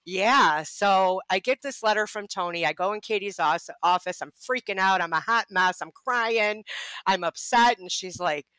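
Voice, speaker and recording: A woman's voice: medium pitch, normal speed, pushed and bright, clean tone, no echo, poor audio. A woman guest on a podcast, telling her life story candidly, with swearing and frequent laughs. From Ohio. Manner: candid and profane, laughs often.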